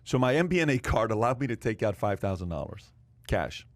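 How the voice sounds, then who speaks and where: A podcast host with a lowish voice and wide pitch swings talks a little fast in a casual panel chat, with no echo. He tells stories animatedly and repeats his points for emphasis.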